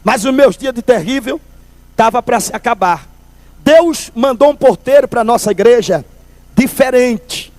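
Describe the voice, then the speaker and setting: A man's voice: very high-pitched, measured pace, no room sound. A man from Recife, telling a humorous testimony at a church service and calling listeners brother. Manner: lively storyteller, calls listeners brother.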